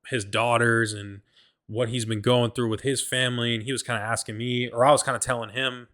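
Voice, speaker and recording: A man's voice: medium pitch, little pitch movement, brisk, a bit bright. A man hosting a solo podcast, telling a travel story in a rambling, profane way, full of "like" and "bro," often stumbling and restarting. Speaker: podcast host.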